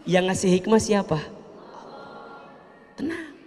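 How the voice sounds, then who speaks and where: A man's voice: on the high side, measured pace. A male preacher gives a humorous sermon, asking the audience questions and acting out little scenes. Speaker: Islamic preacher. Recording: echoey hall reverb.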